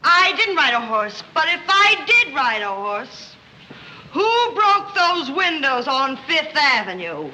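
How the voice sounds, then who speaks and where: An impulsive, childlike young society woman firing petulant retorts in thirties screwball comedy banter. Her voice is high and bright, over a slightly noisy old film soundtrack. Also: very animated, takes it slowly, full character voice. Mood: defiant. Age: young adult.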